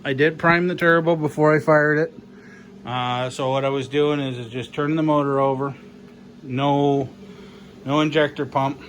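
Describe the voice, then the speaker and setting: A man's voice: a little high, a bit bright, slight background noise. A man vlogging about his engine work, rambling and joking as he goes, swearing casually. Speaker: mechanic vlogger. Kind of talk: casual workshop vlog.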